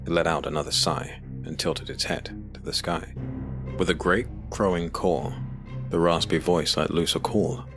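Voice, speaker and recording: A man narrating a dark fantasy audio drama with measured, even storytelling. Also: sits low, over music. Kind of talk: scripted narration.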